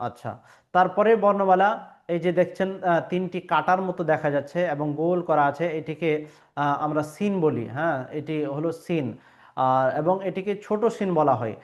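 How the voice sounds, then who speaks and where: A man with a somewhat high voice gives a patient lesson on pronouncing Arabic letters. He stretches each sound out to model it and pauses often with small fillers. The recording sounds dull and lo-fi. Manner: patient and explanatory, models sounds by drawing them out; frequent hesitation fillers. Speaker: Quran reading teacher.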